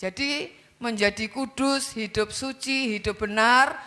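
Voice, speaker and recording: A woman pastor preaching with a lilt. Her voice is bright and fairly high, and it swings from emphatic calls on single words to rapid, conversational asides. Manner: emphatic preaching with big rises on key words, then quick conversational asides. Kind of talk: sermon.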